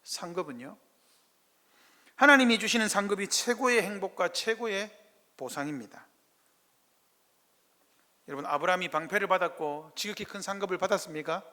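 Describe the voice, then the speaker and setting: A pastor, preaching a sermon in a church sanctuary and firing rhetorical questions at the congregation. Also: male voice, sits high, moderate pace, long pauses, bright, forceful tone. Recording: echoey church hall.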